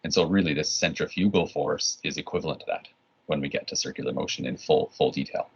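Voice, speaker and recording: A man's voice: very deep voice, creaky, breathy edge. A man teaching an online physics lesson in a casual, rambling way, full of restarts and "right?" checks. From Canada. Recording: dull lo-fi recording.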